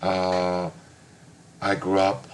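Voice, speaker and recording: Middle-aged guy from hawaii, low voice, talks slow, lots of ums and uhs. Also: completely flat delivery, slight background noise. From United States (Hawaii). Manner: hesitant, many filler sounds. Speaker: graduate student. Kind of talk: recorded class reflection talk.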